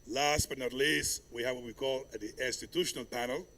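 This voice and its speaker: A man from Senegal moderating a climate summit panel, speaking in a measured, ceremonial way in a conference hall. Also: mid-range voice, bright, forceful tone.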